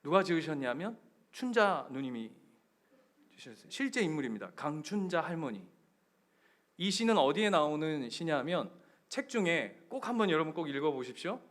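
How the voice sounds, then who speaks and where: A male pastor preaching a sermon, telling stories and acting out quotes, building up to loud passages. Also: a little high, very animated, moderate pace. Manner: storytelling, acting out quotes, rising to shouts.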